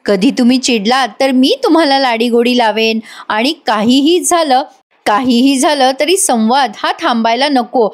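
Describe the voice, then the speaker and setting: Tender older husband, read by a woman narrator: gentle, affectionate, unlowered voice. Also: high-pitched, moderate pace, lightly acted. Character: affectionate older husband reading a love letter.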